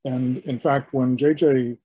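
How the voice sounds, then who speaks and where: An older man, a historian, giving an illustrated lecture in a halting, explanatory way with frequent restarts. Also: medium pitch, fairly even intonation, warm tone, slightly rough, dry recording, low-quality recording. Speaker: historian giving a guest talk.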